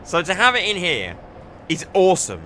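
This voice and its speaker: This young gaming creator has a high, sharp voice that swings hugely in pitch as he talks at a moderate pace. He provides casual, enthusiastic commentary on a train simulator, often restarting what he's saying. A faint hiss or hum is audible.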